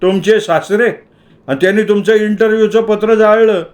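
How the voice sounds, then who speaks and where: A man's voice: high voice, normal speed, pitched above the performer's own voice, natural voice. A man doing a sarcastic older police constable. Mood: mocking. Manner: sarcastic, dismissive orders. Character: older male police constable, gruff and mocking.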